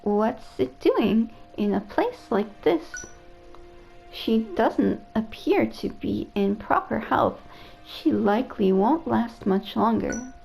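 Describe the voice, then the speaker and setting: A woman's voice: fairly high pitch, lively intonation, takes it slowly, vocal fry, darkish tone, soft background music, exaggerated voice, poor audio. A woman reading aloud the lines of a polite, worried robot AI caretaker from a video game, in her own plain voice. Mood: concerned.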